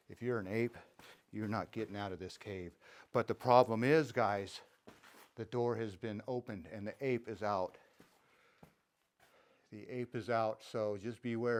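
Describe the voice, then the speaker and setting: A man casually narrating his own travel vlog in a playful, jokey tour-guide way, filming on a handheld camera. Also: on the low side. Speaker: travel vlogger. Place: cave and outdoor mountain trail.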